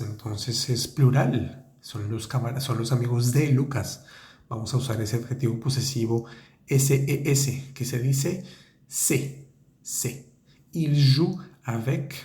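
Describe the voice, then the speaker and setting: A man teaching French in a podcast lesson, explaining in Spanish and sounding out French phrases slowly and carefully. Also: medium pitch, warm tone, reverberant. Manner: slow, careful, deliberate enunciation of French phrases.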